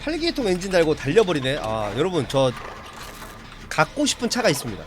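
Guy streaming a game, chatting w viewers, bit high voice that bounces around, faint noise behind. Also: huge pitch swings, fairly quick. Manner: chatty, reacts to the game and answers chat. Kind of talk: casual live-stream chat while playing.

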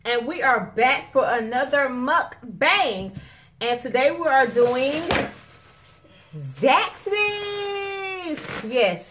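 High-voiced woman chatting on a mukbang. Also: takes it slowly, a bit bright. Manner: chatty, complaining, addresses viewers as y'all. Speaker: mukbang host. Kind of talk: casual mukbang chat. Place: dining table in a home living room. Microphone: camera across the table. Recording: noisy home room recording.

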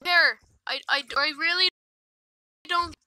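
A woman commentating her own gameplay in a high voice with a very bright, cutting edge. She talks slowly and drily, with sarcastic complaints and casual swearing throughout. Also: steady tone, no room sound, rough recording. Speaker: gaming video creator.

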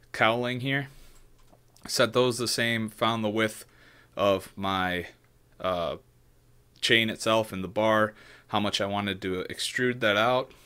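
A man's voice: fairly low pitch, pushed and bright, clean tone. A man in his thirties giving a casual screen-share tutorial, thinking aloud with loose restarts and frequent "right?" checks. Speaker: maker demonstrating 3D modeling. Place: small room at home, indoors.

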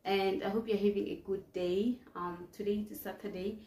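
A woman's voice: mid-range voice, steady tone, moderate pace, warm tone, echoey room. A young South African woman vlogging to the camera in a chatty, upbeat way, with lots of ums. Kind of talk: casual vlog talk to camera. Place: indoors in front of a plain wall.

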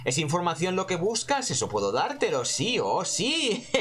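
A man's voice: a little high, huge pitch swings, a little slow, a bit bright, full character voice. A man with an accent from Spain voicing a sly, hungry matron bug as he reads video game dialogue in a fawning, teasing manner.

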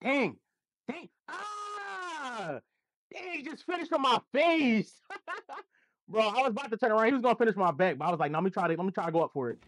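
An excitable American teenage boy gamer, acted by a man in a comedy skit. His pitch leaps up and down as he talks to his friends. The sound is close and dry. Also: fast, no echo. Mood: flustered. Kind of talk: casual comedy skit acting.

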